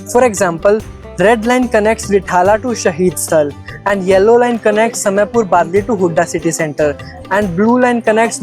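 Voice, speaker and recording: A man with an Indian accent and a high-pitched, darkish voice narrates a travel guide vlog, explaining things step by step in an instructional way and mixing in English phrases.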